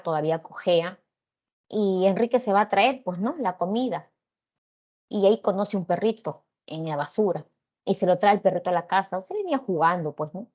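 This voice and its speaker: A woman teacher with a Peruvian accent, retelling a story in class in a conversational way, often checking in with her listeners. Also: mid-range voice. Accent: Peruvian Spanish. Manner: conversational, frequent tag questions. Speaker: literature teacher. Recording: dull lo-fi class recording.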